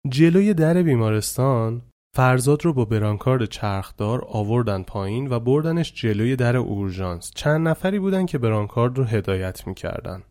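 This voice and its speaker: Warm-voiced male storyteller. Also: medium pitch, expressive, hardly any pauses. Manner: vivid, conversational retelling. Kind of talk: dramatic storytelling narration.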